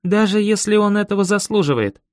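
A man reading an audiobook and voicing an eerie young boy carrying a knife, in a calm, ominous way. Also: high voice, brisk, dry recording, clean studio sound, pitched above the performer's own voice. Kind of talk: audiobook character voice.

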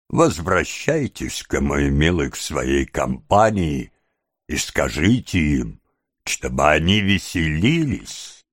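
A sly, secretive old fence, voiced by a man reading aloud, murmurs in a hushed, cavernously deep register. He drags each phrase out slowly, as if every word were part of a plot. The sound is close and dry, with no room around it. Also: husky, exaggerated voice. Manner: hushed, low, drawn-out scheming tone.

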